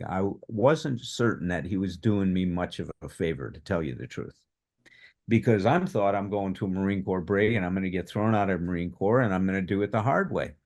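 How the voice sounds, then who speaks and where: A man in his seventies telling his own story in animated fashion at a recovery workshop, acting out the voices of people in it. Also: low-pitched. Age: 70s. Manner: animated, acts out quoted dialogue. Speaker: workshop speaker on addiction recovery. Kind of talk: personal storytelling.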